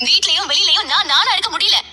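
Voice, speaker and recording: An anguished young wife from a TV serial, speaking with a Tamil Nadu Tamil accent. Her very high, bright voice rushes through earnest, pleading lines, and it echoes in a long hall reverb. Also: a little hiss or hum, heavily acted. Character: anguished young wife hiding a painful lie. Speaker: daughter-in-law keeping a secret in a TV serial.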